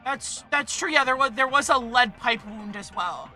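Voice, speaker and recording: A woman's voice: fairly high pitch, moderate pace, pushed and bright, soft background music. A woman streaming a video game with casual commentary, sometimes reading dialogue aloud.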